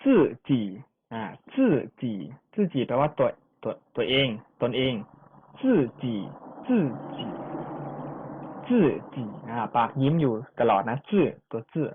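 Language teacher doing slow pronunciation drills, repeats every syllable, thin phone-like audio. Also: mid-range voice, big pitch swings, husky. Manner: drills syllables by repeating them, with chatty asides. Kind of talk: online pronunciation lesson. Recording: tinny phone-like sound.

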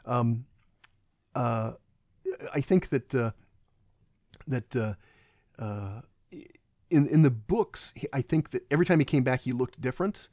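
Recorded cleanly in a studio with no echo, a warm-toned man of medium pitch offers loose, rambling film commentary. He keeps breaking off and starting his sentences over.

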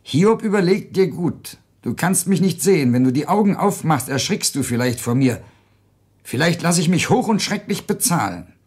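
A man voicing a mysterious, insistent male spirit that tempts and presses, in a stern, raised, husky voice. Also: fairly high pitch, expressive, normal speed, a little mellow, pitched above the performer's own voice. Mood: ominous.

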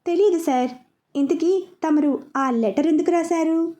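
A woman's voice: extremely high pitch, a little slow, mellow. A woman voicing an exasperated young man who is a loyal friend, scolding as he talks, in a spoken story.

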